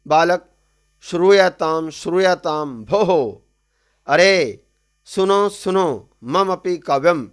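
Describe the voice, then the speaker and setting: Slow, high-pitched male teacher. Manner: reads each phrase, then explains it plainly; calls out drill words loudly one by one. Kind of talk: line-by-line textbook translation lesson.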